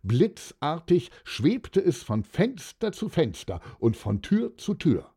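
A man's voice: fairly high pitch, sing-song, slow, warm tone, breathy edge. Man narrating a children's story dramatically. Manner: dramatic narration with many voiced characters.

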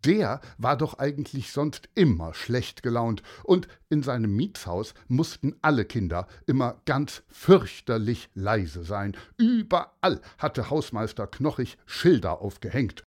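A man narrating a children's story with playful, expressive emphasis. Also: mid-range voice, measured pace, hardly any pauses.

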